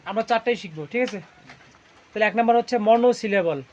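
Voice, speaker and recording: A man's voice: sits high, fast talker, a little hiss or hum. A male teacher, leading a classroom lesson and constantly quizzing his students and asking if they follow. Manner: quizzes students constantly, ending lines with "right?". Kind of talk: classroom lesson with call-and-response drilling. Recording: dull lo-fi classroom recording.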